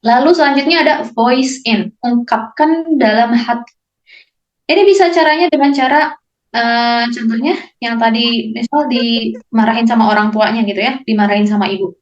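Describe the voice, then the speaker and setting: A young woman from Indonesia with a high-pitched voice speaks in a soft, instructive way, repeating herself and leaning on casual fillers. The recording is a bit dull and rings with room echo. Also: fairly even intonation, a little fast. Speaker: parenting speaker. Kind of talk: casual talk on managing emotions. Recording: echoey room, slightly dull sound.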